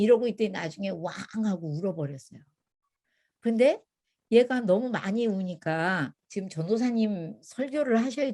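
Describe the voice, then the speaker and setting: Older woman telling parenting stories. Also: mid-range voice. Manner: lively storytelling, acting out quotes. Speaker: parenting class teacher. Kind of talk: church parenting lecture with anecdotes.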